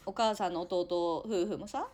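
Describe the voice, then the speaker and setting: A young woman with an Osaka accent, telling stories in a chatty, animated way in casual conversation. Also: fairly low pitch, a little slow. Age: young adult. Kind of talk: casual chat.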